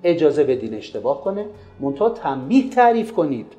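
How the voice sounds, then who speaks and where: A man giving a lively talk on raising children, pressing the listener with rhetorical questions. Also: fairly high pitch. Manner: asks many rhetorical questions. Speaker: religious parenting speaker. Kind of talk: lively lecture retelling a story. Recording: roomy echo with faint music.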